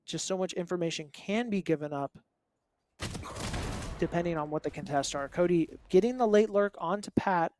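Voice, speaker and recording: Young male esports caster, high-pitched, rapid play-by-play with jokes. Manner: fast excitable play-calling, joking asides. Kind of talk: play-by-play commentary.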